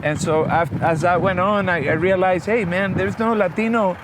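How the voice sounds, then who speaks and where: A man's voice: high voice, fairly even intonation, normal speed, heavy background noise. Talkative man from Costa Rica. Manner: friendly, talkative, many restarts. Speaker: guest. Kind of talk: conversational interview. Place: outdoors in a vehicle. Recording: music playing behind.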